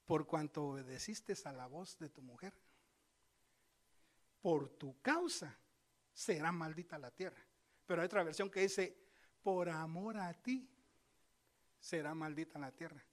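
A male preacher giving a sermon, telling scripture stories with lively asides and speaking straight to his congregation. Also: fairly high pitch, measured pace, long pauses. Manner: lively storytelling, acts out scripture voices; addresses congregation directly, conversational asides.

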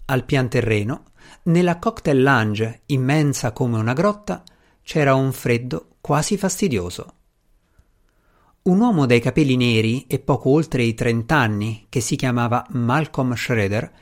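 A man reads an audiobook chapter aloud, steady and measured, at a middle pitch. His delivery stays even and unhurried throughout the narration. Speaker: audiobook reader.

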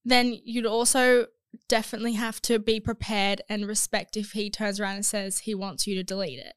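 A woman's voice: mid-range voice, flat delivery, moderate pace, clean tone, no echo, studio quality. A young woman, co-hosting a casual chat podcast and sounding congested from a cold. She chats and often trails off and restarts her sentences. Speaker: podcast co-host.

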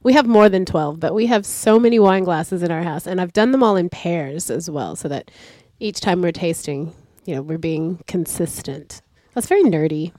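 A woman's voice: fairly low pitch, animated, moderate pace, a little mellow, dry recording. A woman co-hosting a casual wine-tasting chat, giggly and enthusiastic. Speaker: co-host.

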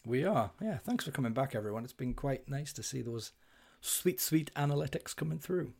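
A man in his thirties with a deep voice, co-hosting a casual music podcast. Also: animated, normal speed, gravelly, darkish tone. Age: 30s. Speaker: podcast co-host.

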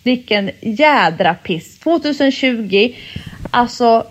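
A woman co-hosting a podcast in casual chat, telling stories in a relaxed, matter-of-fact way. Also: a little high. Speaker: podcast co-host. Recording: slightly dull lo-fi sound.

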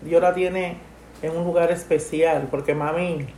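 A middle-aged woman, talking softly and haltingly about her late mother, full of grief. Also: on the low side, fairly even intonation, roomy sound, slight background noise. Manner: grieving, soft and halting, with many restarts. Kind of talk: emotional personal conversation.

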